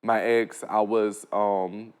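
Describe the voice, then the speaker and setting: A man's voice: fairly low pitch, little pitch movement, takes it slowly, a little mellow, clean tone. Blunt, joking man in his late twenties. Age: 20s. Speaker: podcast guest. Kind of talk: casual chat.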